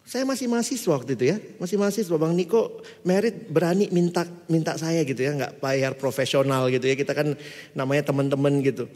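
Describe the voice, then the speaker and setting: A middle-aged man preaching a sermon, telling stories with lively acted-out quotes. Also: on the high side, brisk. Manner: storytelling, acts out quoted voices. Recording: long hall reverb.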